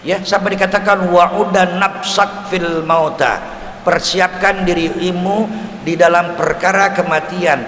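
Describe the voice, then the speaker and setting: An older man in his seventies gives a mosque sermon lesson in a Betawi Jakarta accent. His voice sits high and lively, and he acts out small voices and keeps asking the crowd questions. The talk rings through a large, echoey mosque hall with a long reverb tail and a faint hum of ambience. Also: unhurried. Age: 70s. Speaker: preacher.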